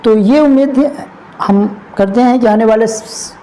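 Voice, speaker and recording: A man's voice: very high voice, unhurried, dark tone, slight background noise, rough recording. A man presenting a spoken commentary video, talking earnestly and appealingly, often repeating phrases as he searches for words.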